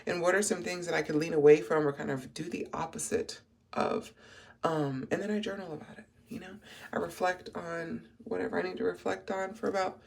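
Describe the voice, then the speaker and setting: Groggy gravelly-voiced life coach vlogging. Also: mid-range voice, little pitch movement, a little fast. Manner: rambling, reflective, many fillers and restarts. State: groggy morning voice after little sleep. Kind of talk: casual morning vlog.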